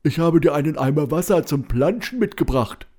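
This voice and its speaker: A storyteller voicing a big, cheerful male elephant who talks loudly in a children's storybook reading. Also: medium pitch, animated, a little fast, pitched above the performer's own voice, lightly acted. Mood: jolly.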